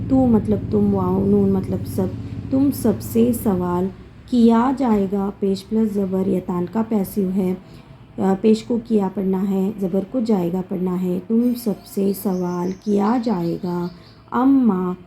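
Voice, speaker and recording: A woman teaches a word-by-word Quran translation at a slow, patient pace. Her voice is mellow and dark, and she repeats each term and its meaning. A faint background noise runs under the recording. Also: mid-range voice, rough recording.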